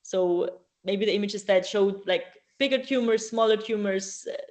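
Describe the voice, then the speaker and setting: A woman answering questions at a student AI event, talking casually and often pausing with ums and restarting her sentences. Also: mid-range voice, a little mellow. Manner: hesitant, many ums and restarts.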